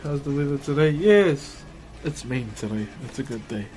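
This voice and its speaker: A man's voice: medium pitch, animated, normal speed. A man with a broad New Zealand accent chats casually on a livestream as he works, in a laid-back, slangy, matey way. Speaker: livestream host. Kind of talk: casual livestream chat while working.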